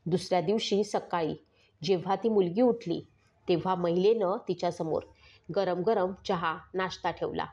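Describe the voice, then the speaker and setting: A woman reading a true-crime story as a scripted narration, steady and measured, with dramatic pauses. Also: lowish voice. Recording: slightly dull lo-fi recording.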